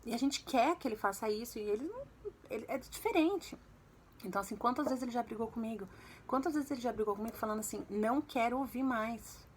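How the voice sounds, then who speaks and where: A woman's voice: lively intonation, quick pace, slight background noise. A woman from Brazil with a Brazilian Portuguese accent, chatting in a confiding way as she gives advice to other mothers. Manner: chatty, confiding, acts out quoted dialogue with pitch jumps. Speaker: vlogger and mother. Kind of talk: casual advice vlog to mothers.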